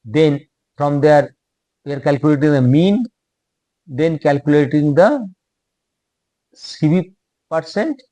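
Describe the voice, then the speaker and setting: Slow, halting Indian-accented male lecturer. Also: a little high, mellow, no echo. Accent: Indian English. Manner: slow, halting, repeats phrases.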